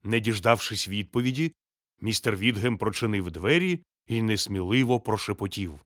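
A man narrating a children's storybook in a steady, measured, gently expressive reading. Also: fairly low pitch, dry recording, studio quality.

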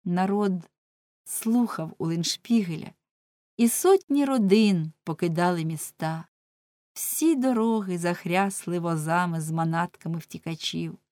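A woman reading a classic tale aloud as an audiobook narrator, in a measured, dramatic storytelling manner. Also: on the low side, a little mellow, no echo.

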